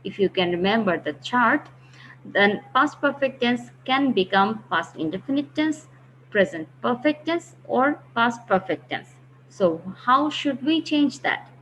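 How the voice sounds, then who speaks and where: A woman walks students through a grammar lesson, patiently explaining and going back over key phrases. Her voice sits fairly high. The recording is muffled and lo-fi, with a faint hiss underneath. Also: expressive, unhurried, fairly bright tone. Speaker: English grammar teacher.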